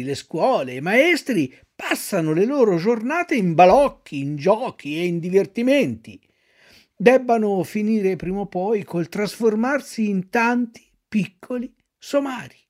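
A woman voicing a kindly little female marmot who gently consoles and explains with sympathy. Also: medium pitch.

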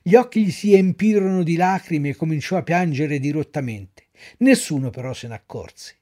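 A man reading a storybook aloud in an animated, dramatic way. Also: fairly high pitch, normal speed.

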